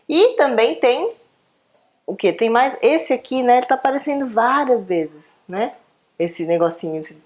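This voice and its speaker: Lively woman teaching patiently. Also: on the high side. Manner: patient, coaxing, asks questions with frequent tag words. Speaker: Korean teacher. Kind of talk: online language lesson.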